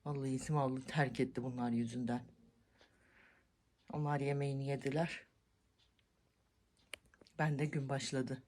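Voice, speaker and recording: A woman vlogging from her village house kitchen, exasperated and scolding her cats in sharp high shouts. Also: flat delivery, unhurried, long pauses, slight background noise. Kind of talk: casual vlog talk to camera.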